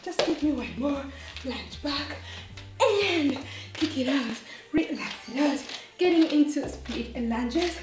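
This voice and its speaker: A woman's voice: high-pitched, lively intonation, slow. A woman fitness instructor leading a workout, encouraging and counting the reps aloud. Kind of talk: workout coaching. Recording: roomy echo, distant mic, faint music.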